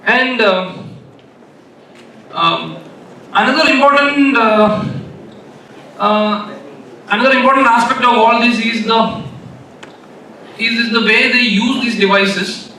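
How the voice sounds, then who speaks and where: A man with a Malayalam accent gives an informal conference keynote in a halting way, often repeating phrases. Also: very high voice, pushed and bright. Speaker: keynote speaker. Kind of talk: informal conference talk with anecdotes. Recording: echoey hall, distant mic, faint noise.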